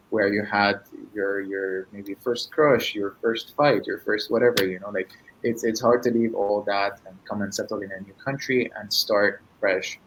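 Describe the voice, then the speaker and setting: A man's voice: fairly low pitch, a little hiss or hum, low-quality recording. A man hosting a casual conversational interview. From Syria. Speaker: interview host.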